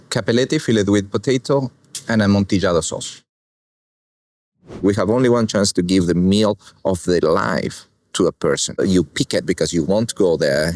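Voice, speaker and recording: In a dry recording, an Argentine chef speaking English with an Argentine Spanish accent demonstrates a dish and comments as he cooks. Slightly low-voiced, he moves through the recipe step by step, unhurried and plain, explaining every part with calm patience.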